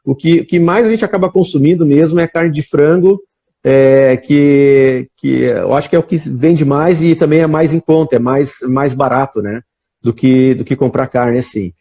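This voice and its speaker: A man's voice: medium pitch, moderate pace, mellow, dull audio. A man with a Brazilian accent chatting on a live video call, rambling and tossing in frequent "né?" as he tells stories. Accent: Brazilian Portuguese. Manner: rambling storyteller, many restarts and "né?". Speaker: guest. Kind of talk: casual chat on a live stream.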